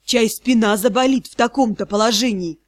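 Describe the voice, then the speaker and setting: A woman's voice: on the high side, moderate pace, dry recording, close to an everyday voice. A woman voicing a fretful, folksy old male house spirit who speaks in rustic old-fashioned words and sighs and grumbles. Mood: dry. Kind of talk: audiobook character voice.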